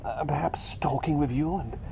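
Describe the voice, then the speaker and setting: Speaking on the high side at a normal speed, the man plays a meek, flustered doctor transformed into a little talking bird for an ASMR personal-attention roleplay. He sounds gently musing, soft and breathy with frequent whispers, halting, rambling and repeating himself, and the close ASMR microphone also records clear background noise.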